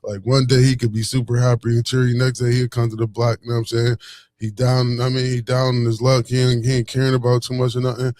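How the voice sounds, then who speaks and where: A man's voice: medium pitch, level tone, fast, a little mellow, dry recording. A man in his forties telling a story in a casual, rambling monologue full of fillers and restarts. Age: 40s.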